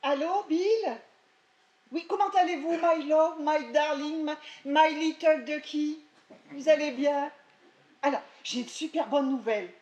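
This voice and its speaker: A woman acting an excitable young daughter in a stage comedy, theatrical and gushing. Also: sits high, measured pace, reverberant, highs cut off. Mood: overwrought. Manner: theatrical, exclaiming, gushing on the phone. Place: theatre stage before an audience.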